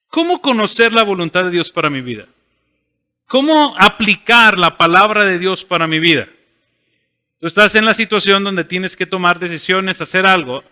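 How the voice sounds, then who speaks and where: A man's voice: high-pitched, pushed and bright, in a large hall. A man preaching a sermon as pastor, asking rhetorical questions and answering them himself. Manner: asks rhetorical questions and voices imagined listeners. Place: church sanctuary.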